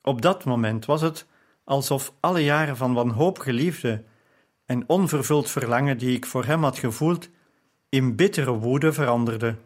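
A man narrating an audiobook in a steady, measured first-person delivery. His voice sits at an ordinary middle pitch for a man, unhurried and even.

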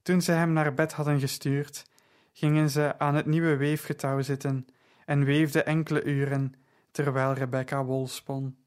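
A man narrating an audiobook story in a measured, even storytelling manner. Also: a little high, clean tone.

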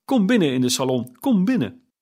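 A man's voice: fairly high pitch, very animated, a little fast, mellow, pitched above the performer's own voice. A man voicing Old Joe, a sly old male pawnbroker who talks in a wheedling, cackling way in an audiobook. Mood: sly hearty. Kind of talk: audiobook character reading.

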